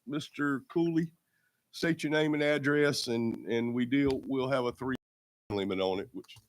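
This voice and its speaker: A man's voice: mid-range voice, a little hiss or hum. A man chairing a county board meeting who has a cold, so his voice sounds muffled as if inside a box. He runs the agenda in a plain, matter-of-fact way. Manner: plain, matter-of-fact, halting procedural talk. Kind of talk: formal meeting procedure.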